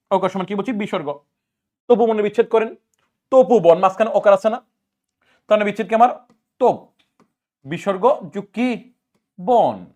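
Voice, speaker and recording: High-pitched and darkish in tone, a male teacher with a Bangladeshi Bengali accent leads an exam-prep grammar drill. He quizzes students over and over in quick, informal speech.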